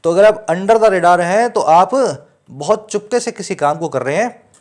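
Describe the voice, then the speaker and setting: A man's voice: high voice, expressive. A man with an Indian accent teaching English newspaper vocabulary, explaining terms step by step and checking that students follow. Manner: reads quoted English slowly. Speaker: English tutor. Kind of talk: Hinglish newspaper lesson.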